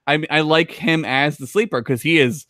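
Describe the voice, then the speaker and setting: A man's voice: on the high side, moderate pace, bright, forceful tone, dry recording, studio quality. A man co-hosting a casual sports podcast, joking, laughing often and swearing. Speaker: podcast co-host.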